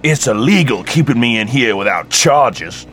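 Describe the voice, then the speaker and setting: An actor playing a haughty, menacing middle-aged cattle baron in a western drama, imperious and threatening. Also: male voice, mid-range voice, expressive, normal speed, fairly bright tone, faint music behind, close to an everyday voice. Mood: angry, threatening. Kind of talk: western audio drama acting.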